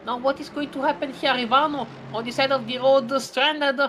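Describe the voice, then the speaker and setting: A woman giving live sim racing commentary, chatty and rambling, breaking into excited exclamations. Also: high-pitched, brisk, a little hiss or hum, rough recording.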